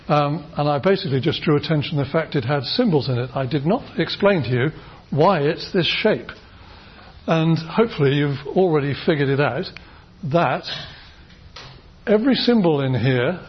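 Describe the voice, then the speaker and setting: A British man delivers a university lecture on phonetics, patiently explaining and demonstrating sounds amid many fillers and restarts. His voice is a little high and husky. The recording of the lecture room sounds dull and lo-fi.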